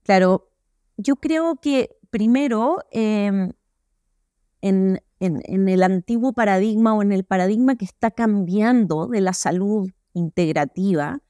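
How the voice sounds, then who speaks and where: A woman, a podcast guest, explaining in a measured way. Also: mid-range voice, dark tone, no echo, studio quality. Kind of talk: explanatory interview answer.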